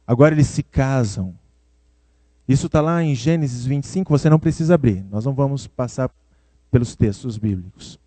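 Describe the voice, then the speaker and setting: A man's voice: mid-range voice, fairly quick, mellow, no room sound. A man with a Brazilian Portuguese accent preaching a sermon in a conversational way, speaking to his listeners by name. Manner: conversational, addresses listeners by name, acts out quoted voices.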